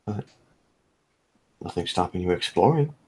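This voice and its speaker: A man's voice: low voice, expressive, unhurried, a little mellow, a little hiss or hum. A man narrating as game master of a tabletop game, speaking in a laid-back, rambling way full of fillers.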